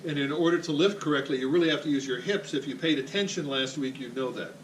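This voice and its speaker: A man's voice: a little high, fast, slight background noise. A man working as a physical therapist, guiding someone through exercises in a plain-spoken, upbeat, joking manner. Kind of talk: exercise demonstration. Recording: echoey room, voice from a distance.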